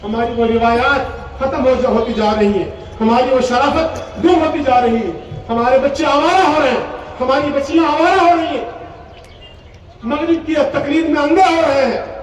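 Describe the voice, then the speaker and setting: A male cleric from Poonch, Jammu and Kashmir, India, delivers an impassioned Urdu oration from a stage at a large religious gathering. His high-pitched voice keeps a fairly even intonation at a moderate pace, exhorting emphatically with rhetorical repetition. The public address audio is echoey and distant, with heavy echo and faint noise.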